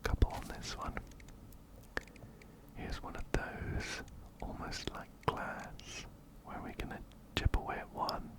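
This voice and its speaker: A man hosting ASMR gameplay speaks in a slow, soft, breathy whisper, pressed close to a binaural mic. He calmly repeats phrases while commenting on the video game he's playing.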